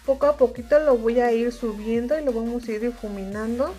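A woman with a Mexican Spanish accent giving a calm, step-by-step makeup tutorial as she reviews an eyeshadow palette. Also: a little high, a little fast, faint music behind.

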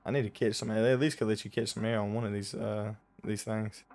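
A young man giving casual, jokey commentary while playing a horror driving game, slangy and quick to yelp when startled. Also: on the low side, fairly even intonation, darkish tone. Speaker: gaming YouTuber.

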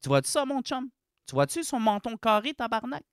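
A gaming commentator with a Québécois accent, ranting in a comedic video, exaggerated and slangy, swinging between mock sweetness and outrage while addressing viewers as ladies and gentlemen. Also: mid-range voice, very animated, brisk, clean tone, dry recording, studio quality. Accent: Québécois French.

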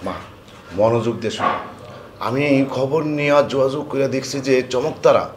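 Man playing a lovesick young son, fast-talking. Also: medium pitch, echoey room, music in the background, natural voice. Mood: pleading. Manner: pleading, defensive. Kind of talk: comedy TV drama acting.

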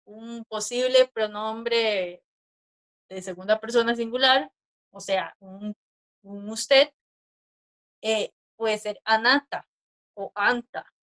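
Woman, language teacher, video call lesson, patient, high-ish voice, slow delivery. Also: fairly bright tone. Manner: patient, counts strokes aloud, often asks "¿verdad?". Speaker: Japanese teacher. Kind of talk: online class explanation.

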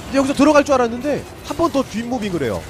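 Male esports caster, high voice, play-by-play commentary, lively intonation, music underneath. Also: racing.

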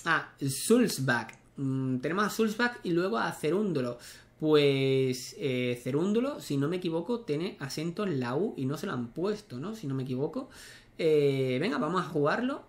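Playing a tennis video game, a young man streams casual commentary, musing out loud and cursing at his misses. He speaks at a normal pace in a fairly high voice with lively intonation.

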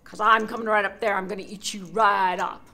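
A woman voicing a mean, ugly male troll who booms his lines slowly and threateningly in a storybook tale. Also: steady tone, pushed and bright. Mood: menacing. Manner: booming, slow and threatening.

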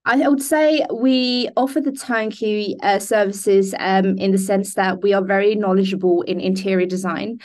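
A woman's voice: mid-range voice, steady tone, normal speed, few pauses, a little mellow. A young woman born in Denmark, a business founder speaking in a video call interview, hesitant with many ums and restarts. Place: indoor room. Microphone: laptop webcam on a video call.

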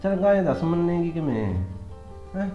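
A man's voice: sits high, moderate pace, soft background music, lightly acted. A young man playing a joking husband who wheedles and pleads to win over his sulking wife. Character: coaxing young village husband. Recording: echoey, slightly muffled.

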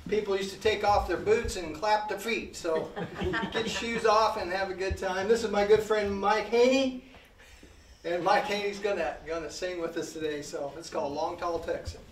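Very high-voiced easygoing country singer man. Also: moderate pace, recorded from a distance. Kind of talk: relaxed song intro. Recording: echoey room with guitar. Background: guitar music.

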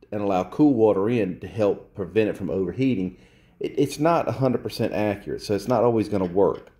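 Man, repair demonstration, low dark voice, blunt and preachy, workshop. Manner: blunt, lecturing, repeats himself for emphasis. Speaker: repair technician. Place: cluttered workshop. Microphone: handheld phone camera close to the work.

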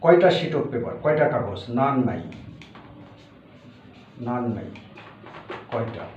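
Roomy, distant man teaching slowly. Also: mid-range voice, animated. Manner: repeats each word slowly, explaining step by step. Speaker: Japanese language teacher. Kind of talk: recorded language lesson. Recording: roomy, distant, dull lo-fi audio with faint hiss.

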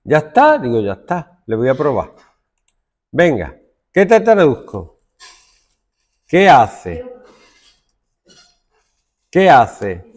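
A man's voice: medium pitch, wildly swooping pitch, slow pace, long pauses. A male computing teacher demonstrating code to a class, thinking aloud as he works and making stern asides to his students.

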